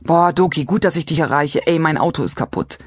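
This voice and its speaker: A woman's voice: sits low, a little fast, breathy edge, no echo, clean studio sound. A woman reading an audiobook, voicing an overdramatic young woman friend calling about a mishap. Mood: dramatic. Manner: breathless, overdramatic. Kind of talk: audiobook character voice.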